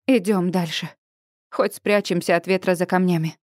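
A woman reading an audiobook, voicing a reserved, level-headed young woman who speaks low and clipped. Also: fairly even intonation, moderate pace, a little mellow, no room sound, studio quality, natural voice. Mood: tense, restrained.

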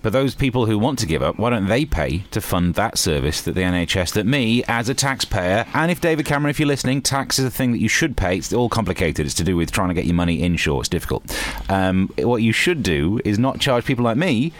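A man's voice: on the low side, animated. A man arguing provocatively and jokingly in a casual radio debate. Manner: provocative, jokey, deliberately biased.

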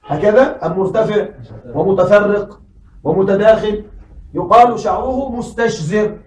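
A man teaching a classroom lesson. He keeps asking his students questions and says words slowly, over and over. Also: high-pitched, darkish tone, roomy sound, recorded from a distance, a little hiss or hum, low-quality recording.

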